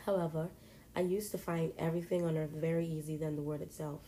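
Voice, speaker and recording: A woman reading a first-person story aloud in a plain, steady manner. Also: sits low, fast talker, slight background noise, poor audio.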